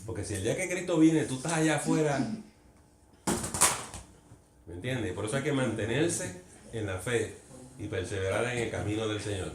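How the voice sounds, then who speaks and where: A man's voice: medium pitch, very animated, moderate pace, long pauses, noisy background. A man leading a Bible study in a conversational teaching style, earnest, asking the group questions and slipping English words into his talk. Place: church meeting room. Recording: echoey room with faint ambience.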